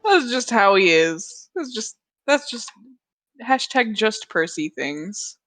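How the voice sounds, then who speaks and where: A woman's voice: medium pitch, very animated, fairly bright tone, no room sound. A woman chatting casually on a stream, telling playful stories and joking along. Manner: playful storyteller, quick to joke. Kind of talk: casual chat.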